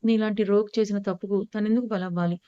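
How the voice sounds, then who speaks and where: A devoted young man who speaks earnestly and with hurt, voiced by a woman narrator. The delivery is fast and level, with a warm, dark tone. The sound is dull and lo-fi. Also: mid-range voice, steady tone, clear, resonant tone, no room sound, close to an everyday voice. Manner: earnest, pleading.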